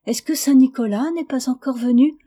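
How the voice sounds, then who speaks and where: A woman's voice: high voice, pitched above the performer's own voice. A woman voicing a fragile little girl. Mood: eager. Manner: slow, hushed, dreamy.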